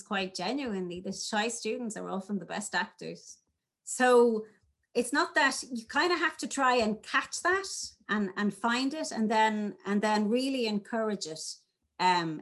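A woman drama teacher chats in an interview, animated and playful. Her voice sits at an ordinary pitch for a woman. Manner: animated, demonstrates lines in varied voices. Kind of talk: conversational interview.

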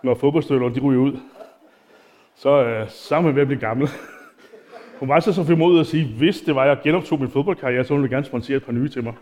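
A man's voice: medium pitch, a little mellow. A man giving an informal, chatty church sermon with self-deprecating asides, many fillers and restarts, and reading aloud from the Bible. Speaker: preacher.

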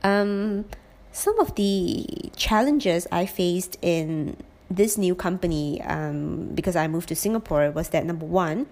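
Sharing her experience as a former auditor, a woman in her late twenties speaks at a fairly low pitch with a slightly mellow quality. The casual, reflective talk is thoughtful, peppered with "um" fillers, pauses, and restarts.

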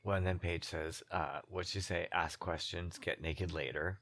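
A woman's voice: very deep voice, steady tone, normal speed, a bit bright. A woman co-hosting a podcast, chatting casually and wryly as she recaps a TV episode and laughs often. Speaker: podcast co-host.

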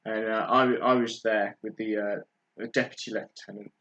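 A man's voice: fairly low pitch, level tone, normal speed, a bit bright, dull audio. A young man, a podcast guest, tells a story in casual chat, stopping often on fillers. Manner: hesitant storytelling with many fillers.

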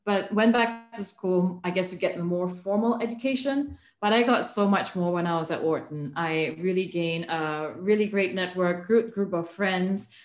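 A woman in her thirties from Malaysia, a book author answering interview questions in a thoughtful, measured way with frequent fillers. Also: on the low side, roomy sound. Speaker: guest, author. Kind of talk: remote interview.

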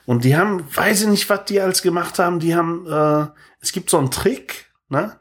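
A man in his thirties co-hosting a podcast, telling a story in lively casual chat and tagging his sentences with "ne?". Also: high-pitched, a little fast. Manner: animated, tags sentences with "ne?". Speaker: podcast co-host.

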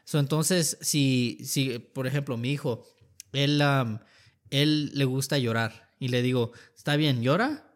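A man's voice: medium pitch, steady tone, slow pace. A middle-aged man, an entrepreneur guest on a podcast, chatting casually and slipping English words like "you know" into his Spanish. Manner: mixes English fillers into Spanish.

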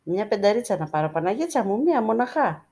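A woman's voice: mid-range voice, big pitch swings, warm tone. A woman voicing a poor village man who coaxes and pleads for coins before church icons. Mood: wheedling. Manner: pleading, coaxing with endearments.

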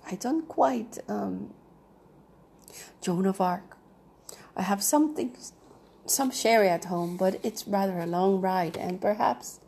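A woman's voice: medium pitch, slow pace, creaky, pauses often, darkish tone, a little hiss or hum. A woman reading the part of a reserved, obstinate retired male banker who speaks hesitantly and politely.

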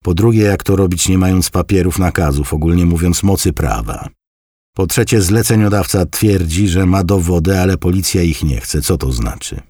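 A man's voice: sits low, expressive, moderate pace, dark tone, no echo, studio quality, pitched above the performer's own voice. A man voicing a wry grandson working as a private investigator in an audiobook. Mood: persuasive. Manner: wry, reasoning aloud. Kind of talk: audiobook reading.

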